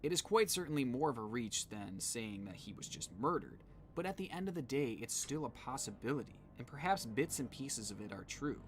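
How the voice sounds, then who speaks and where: A man's voice: medium pitch, very animated, brisk, hardly any pauses, a little hiss or hum. A man giving scripted narration in the style of a true-crime video.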